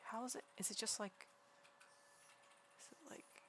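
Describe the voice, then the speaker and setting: A woman livestreaming while she draws, chatting casually in a quiet, soft, near-whispered voice and rambling through many restarts. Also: measured pace, slight background noise. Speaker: livestreaming artist. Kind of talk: casual chat while drawing. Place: home room beside a partner who is gaming.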